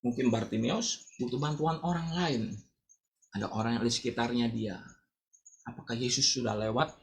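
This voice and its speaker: A man preaching a sermon as pastor of a church, dramatic and swinging between loud calls and quiet asides. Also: medium pitch, normal speed, creaky. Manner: acts out the blind man's cry.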